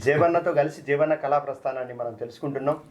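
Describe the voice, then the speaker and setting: A man with a Telangana Telugu accent hosting a folk talent channel, interviewing a singer in a friendly, quick manner. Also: fairly high pitch, a little mellow, lo-fi sound, slight background noise. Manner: fast, friendly, keeps saying "anna". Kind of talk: casual interview.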